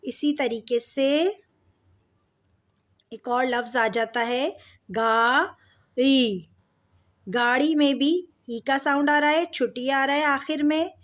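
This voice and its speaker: A woman teaching a slow alphabet lesson, patiently stretching out each example word for her pupils. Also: high voice. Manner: patient, drawn-out words for pupils. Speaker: Urdu teacher.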